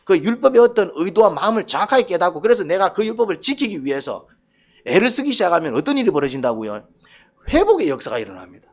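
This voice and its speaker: Male pastor, high and very lively voice, keeps quizzing the congregation mid-sermon. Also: fast talker. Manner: animated, keeps asking the congregation questions. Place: church.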